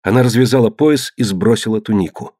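A man narrating an adventure novel in a low, measured storytelling voice. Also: darkish tone, no room sound, clean studio sound. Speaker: audiobook narrator. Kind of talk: scripted narration.

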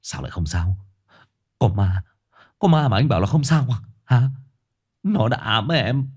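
A man's voice: medium pitch, very animated, quick pace, dark tone, breathy edge. A man voicing a panicked young man who insists he sees a ghost, pleading and rising to a cry. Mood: frantic.

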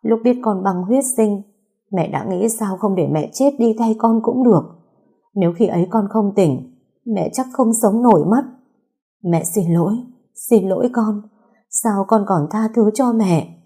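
A woman's voice: mid-range voice, unhurried, warm tone, slightly rough, pitched above the performer's own voice. A woman voicing a remorseful middle-aged mother who chokes out tearful apologies. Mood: remorseful, sobbing.

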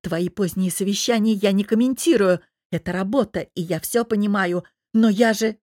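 A woman's voice: a little slow, dry recording, studio quality, natural voice. A woman voicing a defiant, hurt young wife and dance teacher, pleading and defensive in an argument. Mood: upset arguing. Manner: pleading and defensive, rising pitch.

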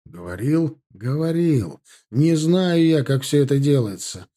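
A man's voice: a little high, animated, unhurried. A man voicing an irritable, reproachful middle-aged mother who runs a kindergarten, in an audiobook. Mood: indignant. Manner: sharp, reproachful, indignant. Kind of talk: audiobook character voice.

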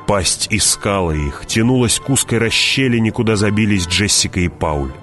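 A man narrating an audiobook in a measured, dramatic way, dropping his voice and slowing down at tense moments. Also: animated, fairly bright tone, soft background music. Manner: measured, drops voice low and slows on tense moments.

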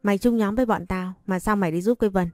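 A woman's voice: medium pitch, quick pace, darkish tone, no room sound, studio quality, faint music behind, close to an everyday voice. A woman voicing a teenage boy who speaks in a sing-song way, in a storybook reading. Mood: reproachful.

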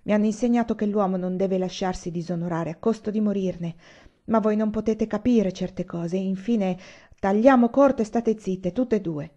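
A woman voicing a proud young man who shouts orders in fury. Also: medium pitch, moderate pace, close to an everyday voice. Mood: stern. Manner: shouting, commanding. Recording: dull lo-fi recording.

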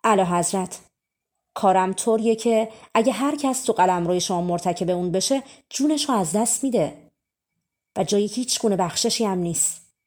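A woman's voice: mid-range voice, darkish tone, close to an everyday voice. Humble young man, a clever thief, earnest and pleading, as a woman reads him.

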